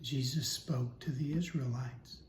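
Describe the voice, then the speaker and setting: A man explaining the Bible in a conversational way, with storytelling and rhetorical questions. He talks slowly. The recording has a roomy echo and a steady noise behind him. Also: medium pitch. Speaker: Bible teacher. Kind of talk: casual Bible teaching talk. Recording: echoey room with steady noise.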